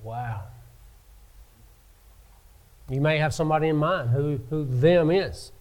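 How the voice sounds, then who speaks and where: A man delivers a sermon at an unhurried, deliberate pace. His voice sits a little high for a man, and it swells in pitch and force when he drives a point home. He sounds like a pastor preaching to his congregation. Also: darkish tone. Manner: slow, emphatic preaching with dramatic rises in pitch and volume.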